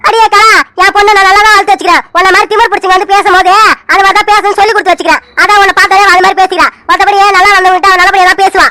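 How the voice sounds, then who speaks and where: A woman voicing a combative young mother who argues back in an animated family drama. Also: extremely high pitch, racing. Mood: defiant. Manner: combative, retorting. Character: defiant protective young mother.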